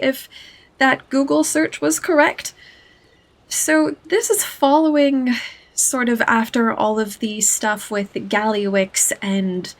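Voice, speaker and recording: A woman chatting about game lore as she plays, in an upbeat, chatty way. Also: on the high side. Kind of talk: lore playthrough with read-aloud voices.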